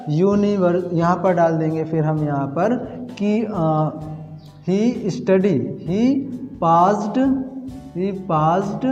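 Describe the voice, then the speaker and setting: Male tutor who keeps quizzing his class, mellow voice in a reverberant room. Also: high-pitched. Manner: repetitive, quizzing himself with questions. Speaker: English grammar teacher. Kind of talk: Hindi classroom lesson at a whiteboard. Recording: echoey room, dull lo-fi sound.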